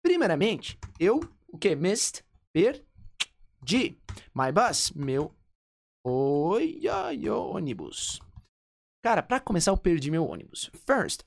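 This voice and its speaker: Brazilian woman teaching with lively pitch. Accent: Brazilian Portuguese. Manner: repeats example phrases slowly, switching between two languages. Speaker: English teacher. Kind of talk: language lesson explanation.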